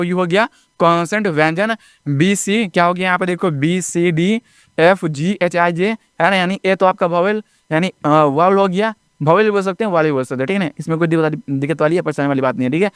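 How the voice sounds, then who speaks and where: A man with a high-pitched, clean and resonant voice runs a basic lesson. He recites letters slowly and keeps asking his listeners if they follow. The sound is dry and close. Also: clean tone, no room sound. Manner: repetitive, keeps checking with "ठीक ना?" and addressing viewers as friends. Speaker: teacher. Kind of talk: classroom-style lesson narration.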